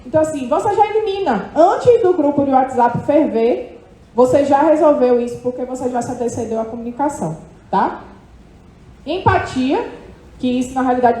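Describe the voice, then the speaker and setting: High-voiced woman lecturing a live crowd. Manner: animated, lively, questioning "tá?" tags. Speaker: psychologist speaking at a condo managers' event. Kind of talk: live seminar talk. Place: hotel event hall with audience. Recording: echoey hall.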